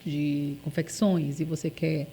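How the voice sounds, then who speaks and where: Mellow-voiced playful Brazilian woman. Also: deep voice, slow pace, slightly rough. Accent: Brazilian Portuguese. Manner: playful, joking, expressive. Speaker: journalist guest. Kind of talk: casual podcast chat.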